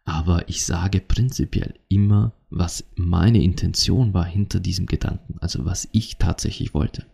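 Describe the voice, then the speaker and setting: A man's voice: low voice, normal speed, gravelly, dark tone, husky. A man, hosting a podcast in an emphatic casual monologue and acting out both sides of conversations. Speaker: podcast host.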